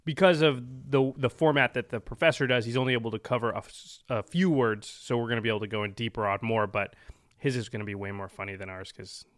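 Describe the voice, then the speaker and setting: A male podcast co-host talking in a casual, explanatory style. His pitch is average for a man and the sound is dry, free of room echo. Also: fast.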